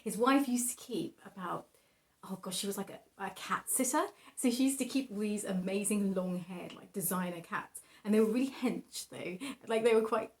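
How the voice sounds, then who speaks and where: A woman's voice: medium pitch, normal speed. Chatty, self-deprecating young woman. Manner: giggly, self-deprecating, hesitant asides. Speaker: painter presenting own artwork. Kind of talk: casual rambling vlog chat.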